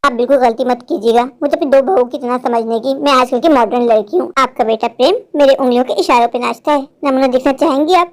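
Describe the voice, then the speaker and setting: A woman's voice: high voice, quick pace, hardly any pauses, close to an everyday voice. Woman voicing a scheming taunting young bride. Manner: taunting, mock-sweet. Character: scheming modern young bride, cunning and defiant. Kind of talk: animated Hindi cartoon voice acting.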